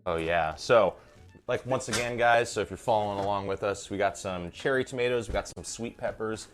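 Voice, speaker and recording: With soft music playing in the background, a man with a lowish voice talks fairly quickly while hosting a home cooking livestream from his kitchen. Tipsy on wine, he keeps the casual stream chat full of profane, joking banter.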